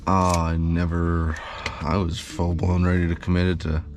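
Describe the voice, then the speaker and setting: A man explaining a machine repair in a casual, subdued how-to tutorial, thinking aloud as he works in a bowling alley machine pit. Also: deep voice. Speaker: pinsetter mechanic.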